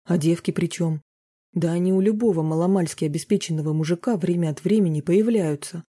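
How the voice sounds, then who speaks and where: A reader voicing a jealous, domineering husband in an audiobook, scornful and shouting. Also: mid-range voice, brisk, natural voice. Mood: angry. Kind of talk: audiobook character reading.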